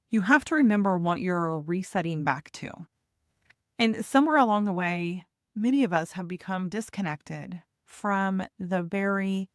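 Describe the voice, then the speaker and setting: A woman giving a gentle, deliberate motivational talk as a host, pausing reflectively between phrases. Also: fairly low pitch, no echo, clean studio sound. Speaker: podcast host and hospice nurse coach.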